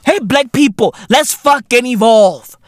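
Man, podcast host, rambling profane rant, animated pitch, dry room. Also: a little slow, no echo. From South Africa. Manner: loud, rambling, laughing, heavy slang. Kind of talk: profane comedic monologue.

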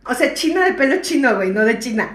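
A woman's voice: high-pitched, very animated, quick pace, echoey room. A woman with a Mexican accent, co-hosting a casual book chat, slangy and laughing often. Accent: Mexican Spanish. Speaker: podcast co-host. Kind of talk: casual chat about books.

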